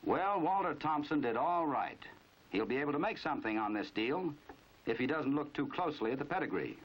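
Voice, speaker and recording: Over a dull, band-limited 1950s film soundtrack, an American man with a fairly high, expressive voice narrates a crime training film a little fast. He spins it in a knowing, dramatic storytelling manner, and the mood stays wry and measured.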